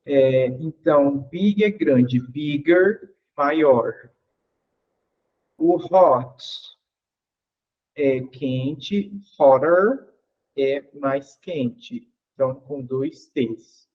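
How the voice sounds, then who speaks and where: Slow, patient male English teacher. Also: medium pitch, highs cut off. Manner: patient, asks the class questions, repeats each example. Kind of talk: explaining grammar in an online class.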